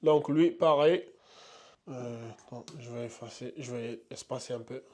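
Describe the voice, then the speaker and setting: A man whose first language is Pulaar, teaching Arabic letters at a whiteboard and repeating each syllable slowly for his learners. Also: medium pitch, warm tone. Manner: chatty, addresses learners directly. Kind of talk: whiteboard lesson.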